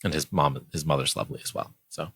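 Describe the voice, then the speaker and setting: Man, podcast co-host, very deep voice, bright forceful tone, rambling and easygoing, dry sound. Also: quick pace, husky, no room sound. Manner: relaxed, rambling, self-correcting. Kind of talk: casual chat.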